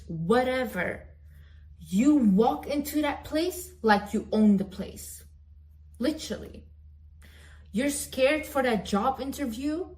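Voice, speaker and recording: A woman's voice: fairly high pitch, a little mellow. A young woman giving an emphatic, direct-to-camera motivational pep talk, repeating phrases for emphasis. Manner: talks about herself in the third person. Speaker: motivational vlogger.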